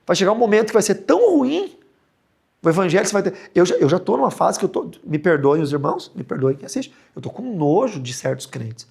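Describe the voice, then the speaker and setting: A pastor teaches scripture with lots of humor, his voice swinging widely up and down. There's a gravelly edge to his voice as he jokes and jumps into high, mocking tones. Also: big pitch swings, brisk, darkish tone. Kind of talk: humorous Bible study teaching.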